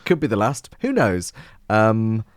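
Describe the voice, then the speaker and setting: A man's voice: fairly low pitch, sing-song, measured pace, dry recording, studio quality. A man co-hosting a music podcast, chatting casually and playfully with lots of fillers and jokes. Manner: playful, jokey, rambling with fillers. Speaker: podcast co-host.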